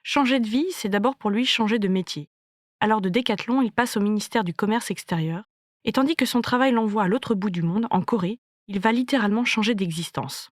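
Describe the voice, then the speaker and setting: A woman hosting a book podcast, asking her guest measured, polished questions. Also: mid-range voice, no echo, clean studio sound. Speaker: podcast host. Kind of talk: interview questions.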